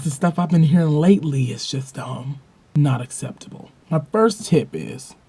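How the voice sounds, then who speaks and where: A man's voice: fairly high pitch, dark tone, slightly rough. A young man hosting his own vlog, talking casually to the camera and telling stories with emphasis. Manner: emphatic, storytelling with acted-out quotes. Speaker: vlog host.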